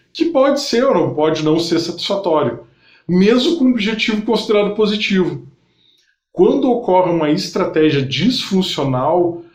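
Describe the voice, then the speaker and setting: A man teaches an online lesson, addressing the listener directly and breaking ideas into listed steps. His voice sits fairly high. The room around him rings with noticeable echo. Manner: didactic, addresses the viewer directly, pauses to list steps. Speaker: NLP instructor. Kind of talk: explanatory online lesson to camera. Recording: roomy echo.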